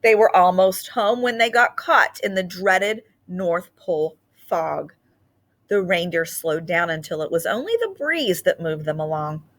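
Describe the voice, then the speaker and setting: A woman with a fairly low-pitched voice reads a children's picture book aloud in a storyteller's manner, animated throughout and elongating key words for emphasis.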